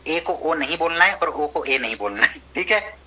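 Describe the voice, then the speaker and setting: A man's voice: fairly high pitch, expressive, normal speed, pushed and bright, a little hiss or hum, rough recording. A man teaching an online class over a video call, patient and encouraging, slipping English phrases into his speech.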